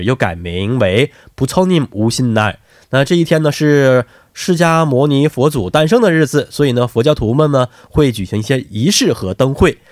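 A man's voice: medium pitch, no room sound, studio quality. A man hosting a quiz show in a chatty, teasing way, talkative and often adding tag questions.

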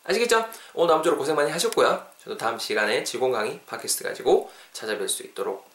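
A man's voice: mid-range voice, lively intonation, fast talker, a bit bright, echoey room. A male podcast host giving an English lesson, coaching listeners to repeat phrases after him in an upbeat, encouraging way.

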